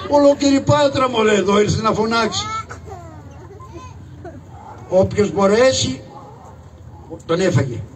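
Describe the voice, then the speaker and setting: A man voicing Hatziavatis, a fussy, fawning town crier in a live shadow puppet show, calling out loud proclamations. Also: high-pitched, expressive, pauses often. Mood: proclaiming. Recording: distant live stage recording with audience noise.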